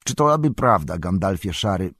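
A man's voice: fairly low pitch, expressive, husky, no room sound, studio quality, exaggerated voice. Saruman, a man voicing a scornful old wizard. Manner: slow, grand, declaiming. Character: proud, scornful old male wizard lord. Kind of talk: audiobook character reading.

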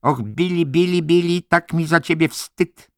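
A man's voice: on the low side, lively intonation, measured pace, fairly bright tone, dry recording, clean studio sound, pitched above the performer's own voice. A man voicing a stern, icy middle-aged head nurse who talks in a cold, falsely sweet way. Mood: cloying.

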